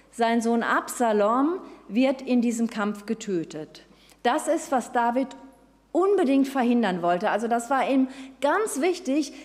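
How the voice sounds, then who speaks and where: Slow, high-voiced woman preaching in a hall. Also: darkish tone. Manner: storytelling, addresses listeners directly. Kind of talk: sermon.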